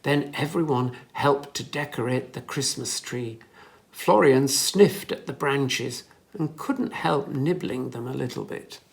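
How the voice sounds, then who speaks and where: A children's storyteller reads a scripted story aloud to young listeners, phrasing it expressively and carefully. The voice is medium-pitched and creaky, with a measured pace.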